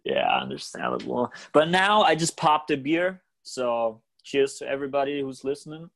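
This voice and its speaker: A tired man hosting a casual podcast, laid-back and quick to swear and laugh. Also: medium pitch, creaky, a bit bright. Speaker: podcast host.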